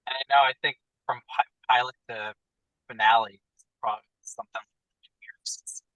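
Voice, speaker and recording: A man's voice: mid-range voice, steady tone, normal speed, bright, forceful tone, no echo, rough recording. A man interviewing over a video call whose audio keeps cutting out and breaking up. He talks casually, with fillers. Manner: casual, many "you know" fillers. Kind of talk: remote interview.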